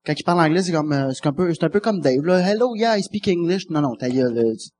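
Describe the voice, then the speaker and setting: A man's voice: fairly high pitch, fast, darkish tone. A man with a Canadian French accent, a comedian guest chatting casually and self-mockingly. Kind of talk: casual chat.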